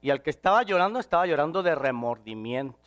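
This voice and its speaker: A man preaching a sermon, swinging from shouted passages to quiet, intimate ones. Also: a little high, animated, quick pace.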